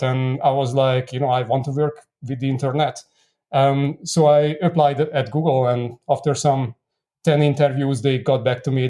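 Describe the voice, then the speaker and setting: Casting: Hungarian-native man, 30s, mellow warm tone, reflective interview guest. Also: medium pitch. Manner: measured, reflective storytelling with frequent fillers. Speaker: startup co-founder guest. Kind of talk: conversational interview.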